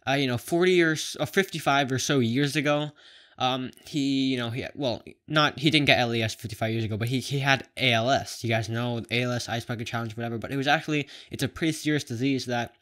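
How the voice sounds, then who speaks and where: A man's voice: mid-range voice, fairly bright tone. A young man from Canada talking casually to camera, with a lisp and whistling s, rambling and often correcting himself. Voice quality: lisp with whistling s from plastic braces. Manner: rambling, halting, self-correcting. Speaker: video blogger.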